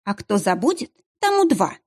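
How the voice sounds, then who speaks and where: Mocking young woman, played by a husky-voiced female reader, lots of up-and-down, sarcastic. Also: mid-range voice, big pitch swings, normal speed. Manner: sarcastic, biting retorts.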